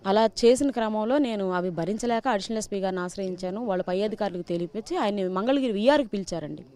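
A woman's voice: medium pitch, quick pace, warm tone. A woman giving an insistent, detailed personal account to the press, quoting exchanges as she goes. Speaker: complainant speaking to media.

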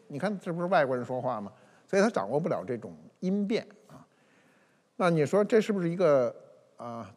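Male commentator, teacherly, sounds out examples, wide lively intonation, husky edge. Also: fairly high pitch. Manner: didactic, demonstrates pronunciations aloud. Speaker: cultural commentator. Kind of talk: explanatory talk-show monologue. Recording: reverberant room with faint music.

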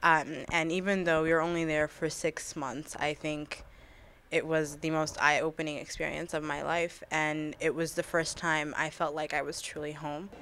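A woman's voice: deep voice, little pitch movement, normal speed, fairly bright tone. A young woman giving earnest, reflective interview answers on webcam in a small indoor room. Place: small indoor room against a plain wall.

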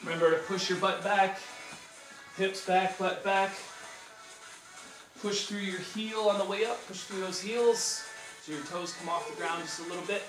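High-voiced man, encouraging aerobics instructor. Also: normal speed, long pauses. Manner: encouraging, short repeated instructions. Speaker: fitness instructor leading a home workout. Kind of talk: aerobics instructor cueing and counting through a workout. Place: small tiled room at home, indoors. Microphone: far camera across the room. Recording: roomy, distant camera mic with music.

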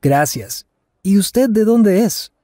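In a scripted language lesson, a man with a high-sitting, mellow voice and lively intonation plays a polite, friendly Canadian traveler practicing his Spanish. He is a voice actor who enunciates deliberately, giving each phrase slowly before repeating it at normal speed, captured dry at studio quality.

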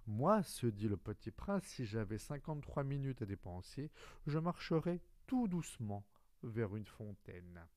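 A man reading an audiobook, voicing a gentle young boy prince who asks earnest, wondering questions. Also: medium pitch, sing-song, unhurried, no echo, studio quality.

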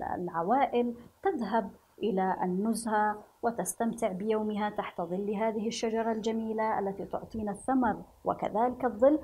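A woman from Yemen teaching a reading lesson to young children, speaking slowly and spelling sounds out clearly while asking the class questions. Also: mid-range voice, dark tone, a little hiss or hum, poor audio. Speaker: primary school teacher.

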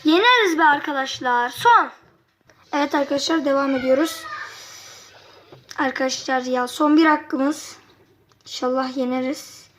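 A kid giving casual gameplay commentary to viewers, excitable and quick to frustrated outbursts. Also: high voice, poor audio. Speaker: gameplay youtuber.

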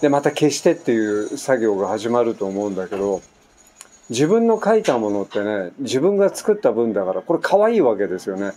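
With a medium-pitched voice and a slightly quick pace, a man from Japan in his sixties chats his way through a story, often going off on asides. The vlogger records at his island home as construction carries on faintly nearby.

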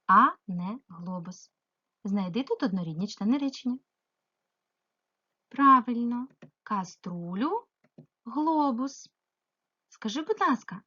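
A female primary school teacher giving a remote grammar lesson, asking the pupil questions and answering them herself, stretching example words slowly. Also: on the high side, fairly bright tone, husky, highs cut off. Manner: slow, sing-song emphasis on example words; addresses the pupil directly, asks and answers herself.

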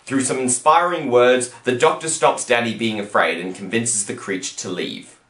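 A man hosting a comedic review, talking sarcastically and with exasperation, sometimes breaking into shouts. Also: mid-range voice, moderate pace, soft background music. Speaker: host and reviewer. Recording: roomy echo.

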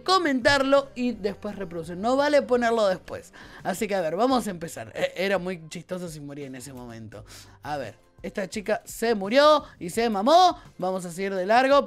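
A young man with a Rioplatense Spanish accent chats his way through a game for his viewers, talking to them directly and reacting aloud as things happen. His pitch swings widely and freely. Soft game music plays faintly under him. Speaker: gaming YouTuber. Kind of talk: let's-play game commentary.

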